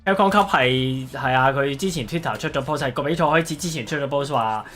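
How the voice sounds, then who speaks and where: Streamer, male, Hong Kong Cantonese accent, mid-pitched, foul-mouthed, faint music underneath. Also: brisk, fairly bright tone. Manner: swears freely and laughs, grumbling. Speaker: watch party streamer. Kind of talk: casual livestream commentary.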